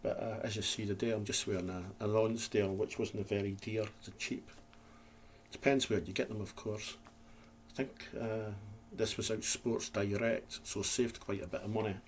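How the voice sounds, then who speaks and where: A man's voice: on the low side, steady tone, moderate pace, a little hiss or hum. A Scottish man vlogging in a casual, rambling, self-deprecating chat to camera, with a slight lisp. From Scotland.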